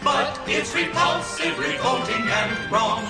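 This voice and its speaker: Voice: sits high, slow, vocal fry, heavily acted. A male chorus singing as a group of small moralizing factory workers, in a film song clip. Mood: preachy, singsong. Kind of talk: sung musical number. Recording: film soundtrack with loud music, roomy.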